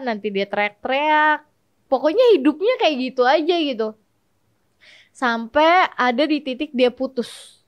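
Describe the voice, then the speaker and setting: A young woman with a high voice hosts a casual comedic advice talk. Chatty and playful, she tells stories and laughs often.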